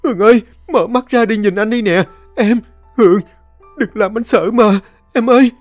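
A man's voice: high voice, normal speed, dry recording, faint music behind, voice pushed up, natural voice. A male storyteller voicing a desperate young man who cries out in guilt and defiance. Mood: anguished. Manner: shouting, anguished.

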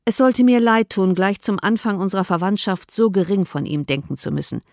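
A woman's voice: mid-range voice, fairly quick, no echo, clean studio sound, lightly acted. A woman reading Mr Bennet, a wry older father. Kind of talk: audiobook character reading.

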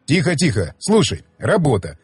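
A man's voice: fairly high pitch, wildly swooping pitch, normal speed, husky, no room sound, full character voice. A male audiobook reader voicing a blunt, mocking male companion who lectures like a patient mentor. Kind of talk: audiobook dialogue reading.

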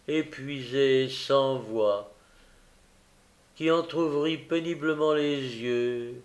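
A man reading a classic novel aloud as an audiobook narrator, with a measured, expressive delivery. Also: medium pitch. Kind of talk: scripted narration.

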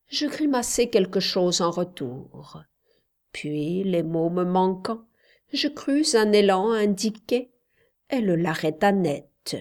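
A woman reading a literary novel aloud in a measured, intimate way that sometimes drops to a breathy near-whisper. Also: on the low side, a little mellow. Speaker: audiobook reader. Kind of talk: literary audiobook narration.

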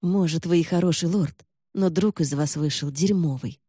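A man reading an audiobook and voicing a defiant young noblewoman heroine who fires sharp, accusing questions. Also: fairly high pitch, moderate pace, breathy edge, no echo, studio quality.

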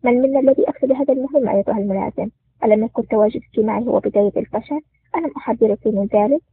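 A man's voice: very high-pitched, fairly even intonation, quick pace, creaky, husky, heavily acted. A man voicing a bold, sarcastic male intelligence officer in a spoken story, with a curt, mocking manner. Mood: irritated. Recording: tinny phone-like sound.

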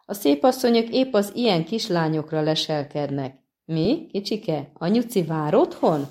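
Menacing male assassin, slow and sneering, read by a woman, low and mellow. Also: expressive. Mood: mocking. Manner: slow, drawn-out, mocking. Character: cold, menacing male assassin, soft-spoken.

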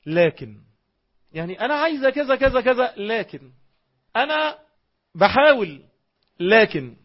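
Fervent high-voiced Egyptian preacher. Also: male voice, breathy edge, highs cut off. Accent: Egyptian Arabic. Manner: fervent, rhetorical, voices imagined objections. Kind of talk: sermon.

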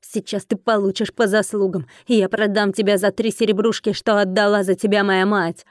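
A woman playing a spiteful young schemer who talks in a high, shrill voice and keeps shouting haughtily. The audiobook reading is dry and close. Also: little pitch movement, brisk, dry recording, close to an everyday voice. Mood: scornful. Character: brash, scheming young woman selling a slave.

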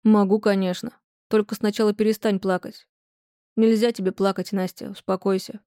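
A woman voicing a calm, thoughtful young man who reasons patiently. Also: mid-range voice, moderate pace, no echo, clean studio sound, close to an everyday voice.

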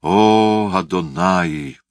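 A man's voice: sits low, steady tone, slow pace, fairly bright tone, dry recording, studio quality. A man voicing a proud, noble prince who speaks in solemn, impassioned declamation. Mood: fervent.

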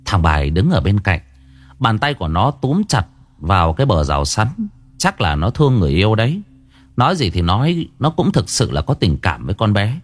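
A man narrating a first-person ghost story in an expressive storytelling manner. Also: lowish voice, fairly quick, no room sound.

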